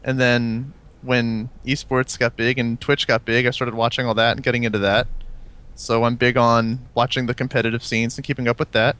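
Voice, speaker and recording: Bright-voiced easygoing male contestant. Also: medium pitch, level tone, moderate pace, clear, resonant tone. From Virginia, US. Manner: easygoing, laughing, teasing. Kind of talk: casual chat.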